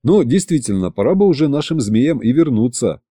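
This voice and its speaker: Brief: male audiobook narrator, wry and animated, dark tone, dry studio. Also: mid-range voice, a little fast, slightly rough, no room sound. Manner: wry, expressive.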